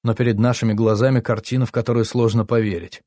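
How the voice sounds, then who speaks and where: Male storyteller, tense and hushed, mid-pitched, dry close sound. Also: flat delivery, fast talker, no echo. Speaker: narrator. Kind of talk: audiobook narration.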